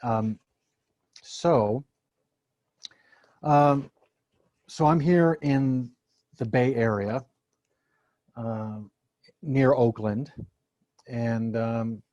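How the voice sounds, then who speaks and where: A man's voice: mid-range voice, darkish tone, dry recording, lo-fi sound. A man giving an informal dharma talk to a gathered online audience in a hesitant, thoughtful way. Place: online meeting from the San Francisco Bay Area.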